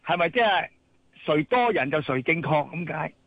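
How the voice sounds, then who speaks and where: Husky agitated Hong Kong caller on phone. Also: male voice, on the high side, animated, a little fast, no room sound. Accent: Hong Kong Cantonese. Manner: agitated, rhetorical questions. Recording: tinny phone line.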